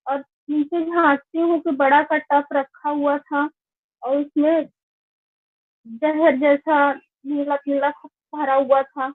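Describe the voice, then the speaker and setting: High-voiced woman telling her story, phone-like sound. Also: little pitch movement, dry recording. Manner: slow, earnest, plain recounting. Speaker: network marketing member giving a testimonial. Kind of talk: personal life-story testimony. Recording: tinny phone-like, dry sound.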